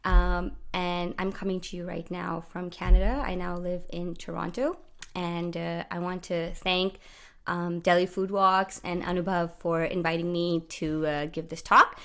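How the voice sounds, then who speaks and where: A woman's voice: lowish voice, flat delivery, unhurried, fairly bright tone. A young woman from Pakistan giving a friendly, explanatory talk over slides, with many "uh" and "um" fillers, recorded at home on a studio mic. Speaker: guest speaker. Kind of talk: presentation narrated over slides. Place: small indoor room at home. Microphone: studio mic on stand with pop filter.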